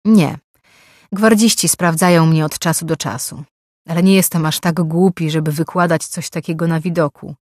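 A man's voice: fairly high pitch, steady tone, moderate pace, dry recording, clean studio sound, natural voice. A woman voicing a sly, chatty older male pawnshop owner who talks in a slightly raised, boastful way.

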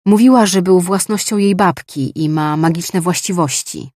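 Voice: mid-range voice, normal speed, a little mellow, no echo, close to an everyday voice. A narrator voicing a young female novice who explains earnestly, in an audiobook. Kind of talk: audiobook dialogue.

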